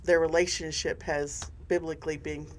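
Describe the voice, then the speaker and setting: Lively older woman, rambling faith talk. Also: deep voice, normal speed, a little hiss or hum. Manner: animated, rambling, restarts often. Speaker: podcast co-host. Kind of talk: casual faith discussion.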